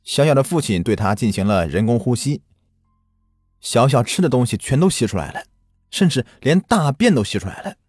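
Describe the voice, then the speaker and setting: A man's voice: medium pitch, big pitch swings, a little fast, darkish tone, slightly rough, dry recording, studio quality, soft background music. A man narrating a first-person ghost story in an earnest manner, recounting a village memory from his childhood.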